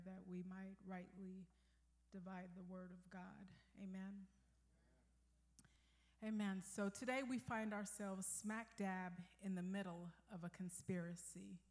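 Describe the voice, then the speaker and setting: A woman's voice: fairly low pitch, darkish tone. An older woman preaching a sermon in church, praying and reading scripture with frequent amens and hallelujahs. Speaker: guest preacher. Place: church sanctuary.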